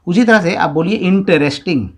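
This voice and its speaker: A man gives a step-by-step video grammar lesson. His pitch swings widely as he talks, and he drags out syllables to sound them out. He often checks in with his listeners. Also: sing-song, normal speed, darkish tone. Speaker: English grammar teacher. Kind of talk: classroom-style video lesson.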